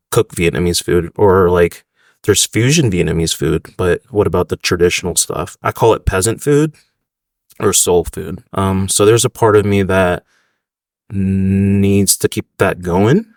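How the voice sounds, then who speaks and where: A man in his thirties from the United States, a restaurant owner, chats casually in an interview, rambling and dropping fillers. His voice sits low and slightly mellow, recorded at studio quality with no room sound.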